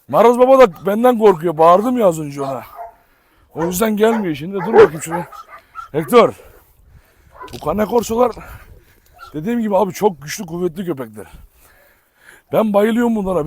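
A man filming a casual vlog outdoors in a yard, talking fondly to his dogs and explaining to viewers, with sharp commands now and then. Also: high-pitched. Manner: affectionate baby talk to dogs, sharp commands. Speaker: dog breeder vlogger. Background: dogs barking.

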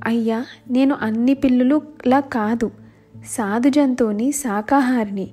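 A woman voicing a sly male cat who pleads and flatters, pretending to be pious, in a storybook tale. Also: fairly high pitch, unhurried, breathy edge. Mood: flattering. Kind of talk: storybook voice acting. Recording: faint music underneath.

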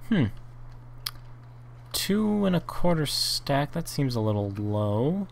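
A man hosting a Minecraft let's play speaks slowly in a fairly high, sing-song voice with vocal fry. He reasons aloud, counts blocks softly, and digresses often. A little hiss or hum sits under the audio.

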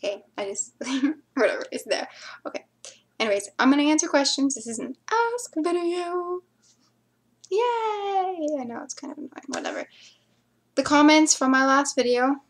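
A woman's voice: high-pitched, very animated, brisk. A young woman chatting casually to camera, answering viewer questions and rambling into mumbled asides.

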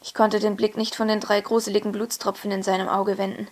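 A woman narrating a novel as an audiobook, in a measured, expressive storytelling manner. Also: medium pitch. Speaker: audiobook reader.

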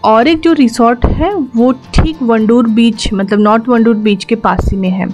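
A woman's voice: on the high side, moderate pace, a little mellow, soft background music. Chatty young woman vlogger narrating. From Andaman Islands. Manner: chatty, explanatory, mixes English words into her Hindi. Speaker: travel vlogger. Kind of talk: voice-over narration of a road trip.

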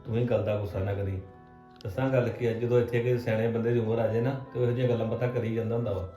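A man's voice: fairly low pitch, flat delivery, rapid-fire, warm tone, reverberant, faint music behind, natural voice. A man playing a peacemaking husband. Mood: soothing. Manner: soothing, keeps asking for agreement. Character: peacemaking husband caught between mother and wife. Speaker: husband in a family drama. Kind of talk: scripted domestic drama acting.

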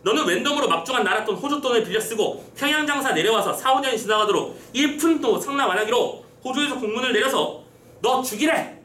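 A man's voice: high voice, sing-song, brisk, hardly any pauses, sharp tone, echoey room, far from the mic, exaggerated voice. A man voicing a stern official, a wife disguised as a man, who barks harsh orders. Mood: commanding.

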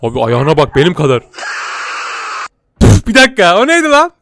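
A man's voice: a little high, wildly swooping pitch, fairly quick, fairly bright tone, slight background noise. A man hosting a video, giving joking reaction commentary and laughing often. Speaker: YouTube host.

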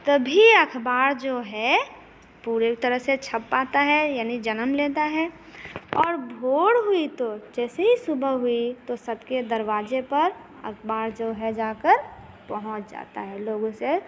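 A woman teacher explaining a children's poem line by line. She talks patiently, reads the verse slowly, and keeps checking with "है ना". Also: sits high, a little hiss or hum, rough recording. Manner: slow, patient explaining with many fillers and "है ना" checks; reads the verse lines slowly and recites them. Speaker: Hindi teacher.

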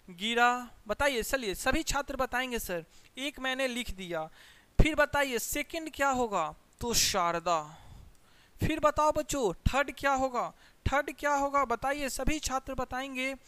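A young man with a Bihari Hindi accent, teaching an exam prep lesson, energetic, repeating phrases and quizzing his students. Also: extremely high pitch, clear, resonant tone.

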